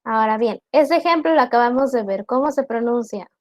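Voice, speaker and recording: A woman teacher giving an online class, explaining slowly and deliberately and asking her students questions. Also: fairly high pitch, darkish tone, no room sound.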